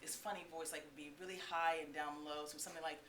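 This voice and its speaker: A middle-aged woman reading from her own book to a live bookstore audience, breaking into animated, laughing asides. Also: deep voice, fast, crowd noise. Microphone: distant room mic. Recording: echoey room, mic far off, faint hiss.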